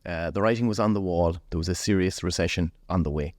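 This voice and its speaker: A man's voice: low-pitched, fast, darkish tone, no echo, studio quality. A man of forty with a West of Ireland accent, telling his story casually as an interview guest. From Galway, west of Ireland.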